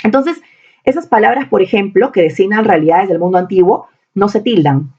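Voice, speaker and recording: A woman's voice: medium pitch, animated, fairly quick, darkish tone, husky, highs cut off. A woman teaching a recorded spelling lesson, stressing points by repeating key words.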